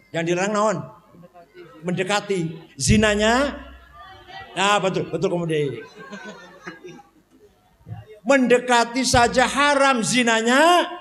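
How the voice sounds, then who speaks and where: Male preacher, high voice, unhurried, animated question-and-answer delivery, recorded in a reverberant mosque hall. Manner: animated, asks the crowd questions and answers them himself. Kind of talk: sermon. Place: large mosque.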